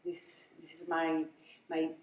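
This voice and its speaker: A woman cellist answering an interview question hesitantly and softly, with many fillers. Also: sits low, completely flat delivery, takes it slowly, slight background noise. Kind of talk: conference interview. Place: busy conference venue. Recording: roomy, distant, with crowd murmur.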